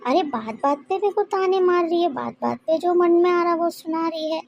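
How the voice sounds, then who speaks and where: A fussing, well-meaning mother-in-law from an animated family story. Her voice sits high and she pleads and scolds in a plaintive tone. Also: normal speed, creaky, muffled recording. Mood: aggrieved. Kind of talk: cartoon story voice acting.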